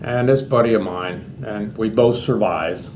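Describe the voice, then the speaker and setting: An old American man in his eighties speaks with a fairly low voice. He is a veteran looking back on his past, wandering from one anecdote to the next as an interview guest. The recording has clear background noise and room ambience. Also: unhurried. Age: 80s. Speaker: war veteran being interviewed. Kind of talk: reminiscing in an oral history interview.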